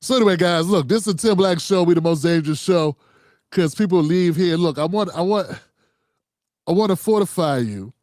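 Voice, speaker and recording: A man's voice: high voice, fairly quick, darkish tone, no echo, clean studio sound. A man hosting his own commentary show, talking loosely and profanely, rambling and calling his viewers "fam". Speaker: host. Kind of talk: casual political commentary monologue.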